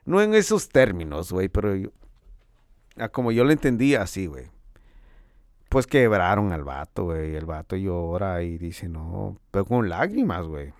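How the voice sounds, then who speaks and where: Dude vlogging, gravelly voice, swings up and down a lot, super slangy, dry close sound. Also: male voice, low-pitched, sing-song, moderate pace, no echo. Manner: slangy, laughs often, swears freely; boastful and joking. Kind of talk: casual profane monologue.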